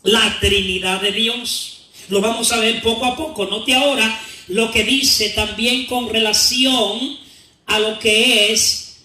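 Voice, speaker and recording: Slow, bright-voiced man preaching in an echoey church. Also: high-pitched, fairly even intonation, far from the mic. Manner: slow, deliberate, repeats key words for emphasis. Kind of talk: Bible teaching sermon.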